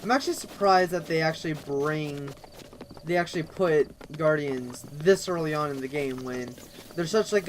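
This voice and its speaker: Rambling let's play commentator, noisy mix. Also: mid-range voice. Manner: rambling, leans on "actually" and "kind of". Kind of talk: casual gameplay commentary.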